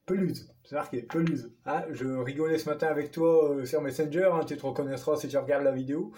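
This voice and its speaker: Excitable northern French man unboxing. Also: a little high, fast talker. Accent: Ch'ti. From northern France. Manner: excited, stumbling over words. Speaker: vlogger. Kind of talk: casual unboxing vlog.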